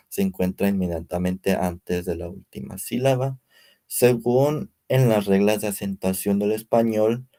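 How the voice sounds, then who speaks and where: A young man, acting as a student, presents a spelling lesson by reading examples one after another. He reads the word lists slowly and carefully with pauses, in a low, mellow voice. He stumbles now and then and corrects himself.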